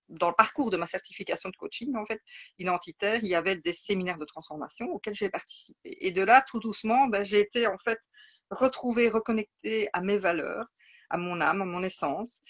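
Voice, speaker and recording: A woman's voice: mid-range voice, a bit bright. Belgian woman, Liège accent, live interview guest, hesitant and filler-heavy. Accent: Liège Belgian French. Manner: hesitant, many fillers and restarts. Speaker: interview guest, identity coach.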